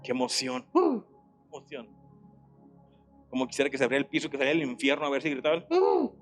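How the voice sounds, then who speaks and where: A man's voice: mid-range voice, sing-song, fast, soft background music. A man with a Mexican Spanish accent preaching a sermon, calling the congregation to repeat after him and acting out imagined voices. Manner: preaching with call-and-response to the congregation; acts out imagined voices of critics and the prodigal son. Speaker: pastor. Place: church service.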